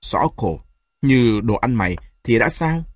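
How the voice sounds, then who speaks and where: Guy reading a soft gentle old granny in an audiobook, a bit husky, soothing. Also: mid-range voice, animated, unhurried, no room sound, clean studio sound. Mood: pleading. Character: old grandmother, gentle and pleading.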